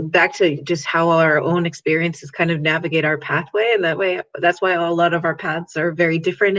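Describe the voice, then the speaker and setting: A man's voice: a little high, fairly bright tone. A man moderating a panel discussion, rambling with many fillers. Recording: dull lo-fi audio.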